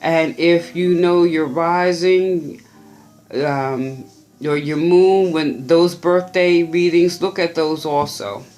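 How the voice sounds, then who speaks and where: A tarot reader giving a gentle, unhurried birthday reading to viewers, musing aloud and restarting phrases. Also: medium pitch, fairly even intonation.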